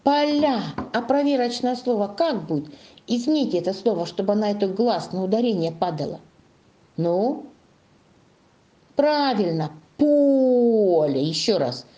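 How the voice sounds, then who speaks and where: A woman teaching a primary school class, coaxing the children with sing-song questions and drawing out words slowly as she dictates. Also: mid-range voice, animated, dark tone, muffled recording. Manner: slow, drawn-out dictation to young children. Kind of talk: classroom lesson.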